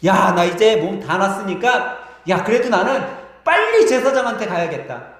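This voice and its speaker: An excited healed leper man talks high and loud, in a hurry, as a preacher puts him on. The raised voice bounces around a very echoey church hall. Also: moderate pace, full character voice. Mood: eager. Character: eager healed leper man rushing to priest.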